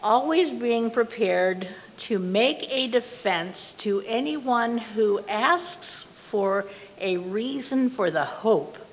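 An older woman giving an earnest, plainspoken testimony and prayer from a pulpit in a small church, recorded from the back of the room. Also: medium pitch. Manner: earnest, plainspoken, with slow measured phrasing. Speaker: lay speaker giving a testimony. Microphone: far camera from the back of the room. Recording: reverberant church hall with faint hiss.

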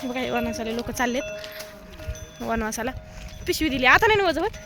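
A woman's voice: on the high side, sing-song, normal speed, loud music behind the voice. A woman with a Marathwada Marathi accent chatting casually in her vlog, teasing and scolding in banter while walking outdoors on market day, tired from carrying a heavy bag, recorded on a handheld phone. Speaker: vlogger. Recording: noisy outdoor street recording.

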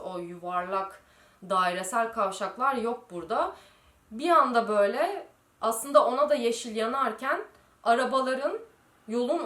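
A woman's voice: on the high side, fairly bright tone, roomy sound. A young woman from Turkey chatting casually as she answers viewer questions in a vlog. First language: Turkish. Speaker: vlogger.

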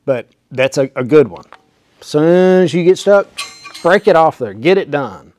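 A man's voice: fairly high pitch, expressive, moderate pace, a little mellow. A man in his forties teaching welding in a small indoor workshop, talking in a folksy, emphatic way and demonstrating as he goes, on a lapel mic. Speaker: welding instructor. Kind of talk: hands-on how-to demonstration. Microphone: clip-on lapel mic.

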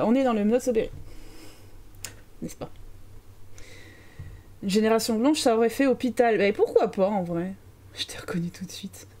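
A woman's voice: on the high side, a little mellow. A young French woman commenting live on her game, chatting and joking with her viewers. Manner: chatty, joking, reads chat aloud. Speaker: streamer.

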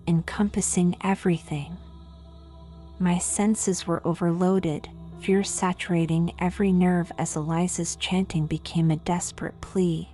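Slow, low-voiced woman narrating horror. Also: warm tone. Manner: slow, grave storytelling.

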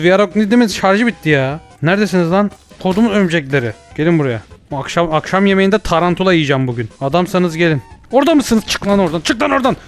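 A young man narrates his VR game in rapid, jumpy bursts. His voice sits high and keeps breaking into yells and curses. Faint game music plays behind him. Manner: rapid, jumpy, yelling and cursing at spiders. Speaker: VR gaming YouTuber. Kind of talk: excited let's-play commentary.

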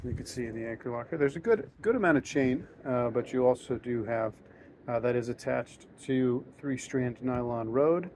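Relaxed man giving a boat tour. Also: mid-range voice, normal speed, a little hiss or hum. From United States. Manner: relaxed, thinks aloud with frequent ums and uhs. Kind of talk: casual walkthrough narration. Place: aboard a docked sailboat, outdoors then in the cabin.

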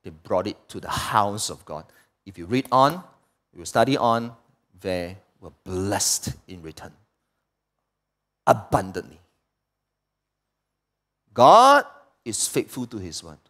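A man preaching a sermon, swinging between loud outbursts and quiet asides and putting questions to the congregation. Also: lowish voice, big pitch swings, slow pace, long pauses. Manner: asks the congregation rhetorical questions. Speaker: pastor.

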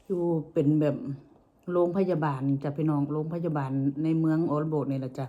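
A woman's voice: deep voice, steady tone, brisk, narrow, tinny audio. A woman with an Isan, northeastern Thai accent, chatting casually and folksily to her viewers in a homely vlog manner. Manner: folksy, addresses listeners with frequent soft polite particles. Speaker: vlogger. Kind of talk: casual chat to viewers while eating.

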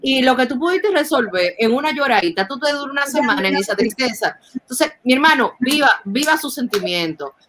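A woman with a Dominican accent chats on a podcast. Her voice sits a bit high. She hammers her points home with slang and repeated words. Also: animated, fairly quick, fairly bright tone, a little hiss or hum. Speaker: podcast co-host. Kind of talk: casual chat.

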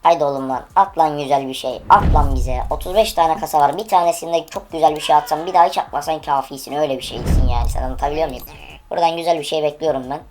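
Low-voiced woman ranting over a game. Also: fast talker, music in the background. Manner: impatient, profane, urging the game aloud. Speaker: online case-opening streamer. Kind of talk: live gaming commentary.

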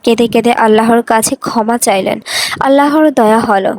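A woman reading a scripted religious story in a measured, earnest storytelling manner. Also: fairly high pitch, darkish tone, poor audio.

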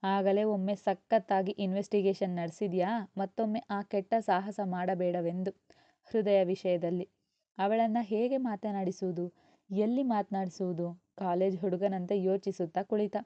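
A woman narrating a serialized story in a steady, expressive reading voice. She is close to the mic in a dry space, and the recording sounds dull and lo-fi. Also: medium pitch, normal speed, no echo.

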